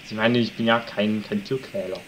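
A man's voice: on the low side, steady tone, moderate pace, a little hiss or hum, low-quality recording. A man casually commenting on a survival game he plays, joking and talking to his viewers. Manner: chatty, jokey, talks to the audience, shouts at wolves. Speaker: let's play commentator.

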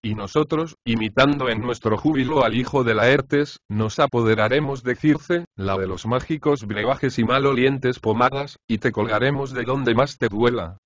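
A man voicing a gruff, complaining old male chorus leader in an audiobook of a comic play. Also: mid-range voice, moderate pace, hardly any pauses, dry recording, muffled recording, natural voice. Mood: gleeful.

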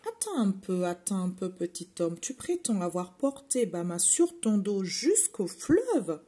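A woman voicing a clever, mischievous hare in a storybook, questioning slyly with a husky voice. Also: medium pitch, big pitch swings, measured pace, warm tone. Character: sly, clever male hare.

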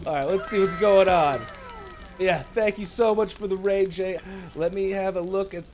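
A male game streamer who chats live in an excitable, flustered way, with frequent laughter and sudden outbursts. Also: high-pitched, unhurried.

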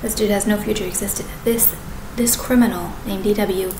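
This thirtysomething woman talks to the camera in a meandering, stop-start way, frequently backing up to fix what she just said. She's a vlogger filming in her living room with the kitchen in view, her voice mid-range and even. Because the webcam sits at desk distance, the audio is echoey with noise in the background.

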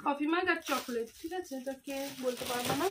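A very high-pitched woman, out of breath, chats with her viewers in a casual home unboxing vlog. The home recording carries clear background noise. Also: brisk. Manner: chatty, addressing viewers directly. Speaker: vlogger and mother. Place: home, indoors.

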